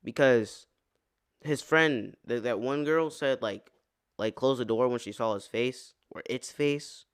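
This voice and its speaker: A man's voice: medium pitch, unhurried, clean tone, dry recording, clean studio sound. A man giving casual, chatty reaction commentary to a horror story, slangy and loose in how he talks. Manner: chatty, slangy, calls listener bro. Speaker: video reactor.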